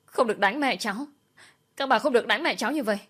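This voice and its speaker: A woman's voice: fast talker, slightly rough. A woman doing a crying little boy. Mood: pleading. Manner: high, loud, pleading. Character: small boy crying for his mother.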